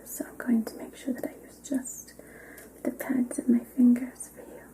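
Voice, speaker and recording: A woman in a whispered role-play as a scalp massage therapist, speaking in a soft, gentle, soothing spa whisper close to a binaural microphone. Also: on the high side, little pitch movement, moderate pace.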